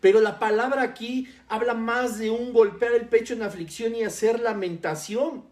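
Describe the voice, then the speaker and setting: A man's voice: very high voice, steady tone, moderate pace, darkish tone. A man preaching a sermon as a pastor, teaching earnestly and speaking straight to the listener. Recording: roomy echo.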